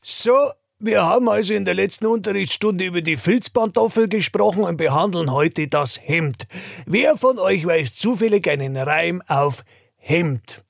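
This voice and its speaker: A schoolmasterly teacher, played by a male reader, questions his class in a raised, gravelly voice. His voice has a husky edge. The sound is dry and close. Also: sits high, lively intonation, a little slow, dry recording, heavily acted.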